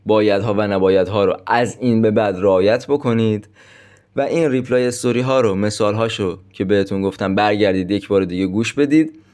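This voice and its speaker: A man's voice: fairly low pitch, a little mellow, clear, resonant tone. A man coaching listeners on dating, going through numbered tips in a direct, chatty way and addressing them as friends. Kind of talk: instructional monologue with numbered tips.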